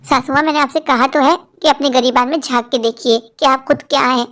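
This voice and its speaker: A woman's voice: high-pitched, fairly even intonation, fairly quick, a bit bright. A woman voicing a bold, cheeky young daughter-in-law in a cartoon, who throws defiant retorts. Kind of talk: cartoon voice acting.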